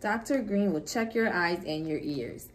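A woman who is a preschool teacher, reading a picture book to young children in a gentle storytime voice. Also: on the low side, expressive, slight background noise, poor audio. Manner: gentle, slow, sing-song storytime delivery.

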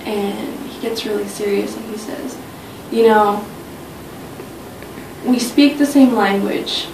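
A young adult woman who studied abroad speaks slowly, reminiscing in a casual interview testimony. She's in an indoor small office meeting room, and the recording is echoey and roomy, taken from a distant mic with a faint low rumble.

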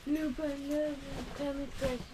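A woman talking softly and gently in a cabin, cooing to the dogs and chatting off-mic. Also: high-pitched, flat delivery, normal speed, very noisy.

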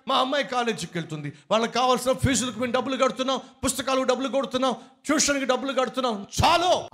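A man's voice: very high-pitched, a bit bright. A male pastor preaching a rebuking sermon with rhetorical questions, then leading a pleading prayer. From India.

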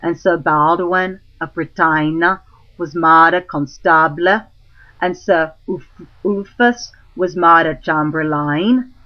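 Very slow woman reciting in Middle English pronunciation. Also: on the low side, dull audio. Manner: deliberate, archaic Middle English pronunciation, halting phrase by phrase.

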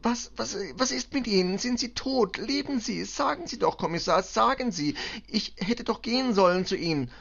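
A man's voice: a little high, a bit bright, muffled recording, pitched above the performer's own voice. Man voicing a tearful Balkan cleaning woman. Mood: desperate. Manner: broken German, halting, sobbing. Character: distraught middle-aged immigrant cleaning woman.

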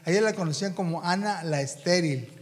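Man, preaching a sermon, high voice, halting with repeated words, long hall reverb. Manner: halting, repeats words, addresses congregation as brothers.

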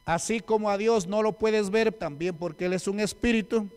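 A man's voice: high voice, steady tone, moderate pace, darkish tone, clear, resonant tone. A man, a deacon giving an emphatic sermon and firing rhetorical questions at the congregation. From Peru. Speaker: deacon preaching. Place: church hall. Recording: long church hall reverb.

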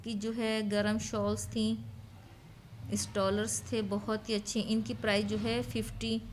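A woman's voice: medium pitch, little pitch movement, measured pace, a little hiss or hum. A woman, narrating a casual shopping vlog from an outdoor market and leaning on the filler "jo hai" again and again. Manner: chatty, leans on the filler "jo hai" a lot. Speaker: vlogger. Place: open-air flea market stalls outdoors.

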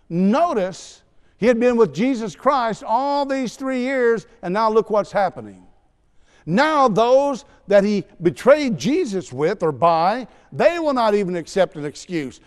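A man's voice: sits high, clear, resonant tone. A man preaching a sermon in a church, talking conversationally with asides and light teasing. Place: church sanctuary. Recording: long church hall reverb.

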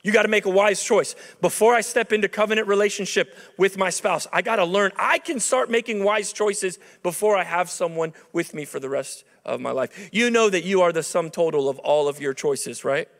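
Standing at a lectern on a large, dark auditorium stage, a man in his thirties preaches a chapel sermon into a handheld mic, conversational but rising to emphatic peaks. His voice sits high and fairly bright, at normal speed with hardly any pauses. The big hall adds a long reverb.

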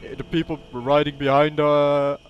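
A man giving jokey, excitable gameplay commentary, yelling exclamations, swearing, and talking to things in the game. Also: on the high side, moderate pace, dull audio, a little hiss or hum. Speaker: gaming video creator.

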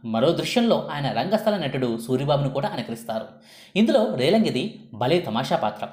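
A man giving scripted documentary narration in a lively storytelling delivery. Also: on the high side, brisk. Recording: echoey room.

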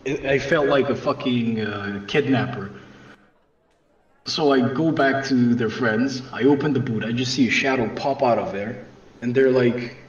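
A man casually telling a profane comedic story in a deadpan way, with constant swearing. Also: mid-range voice, a little slow. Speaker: storyteller on a comedy game night. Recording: distant echoey room, dull lo-fi mic, faint noise.

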